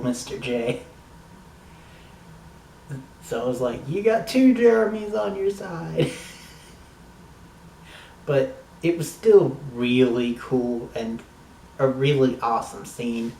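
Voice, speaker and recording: Slow-talking man reviewing a show. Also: medium pitch, darkish tone, echoey room, far from the mic, slight background noise, rough recording. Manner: slow, rambling, enthusiastic fan with swearing. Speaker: TV episode reviewer. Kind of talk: casual review monologue.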